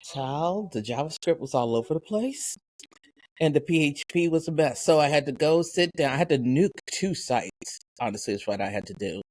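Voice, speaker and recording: A woman co-hosting a podcast, telling rambling, animated stories in casual chat. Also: sits low, normal speed, low-quality recording. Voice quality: animated, rambling storytelling with voiced asides. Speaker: podcast co-host.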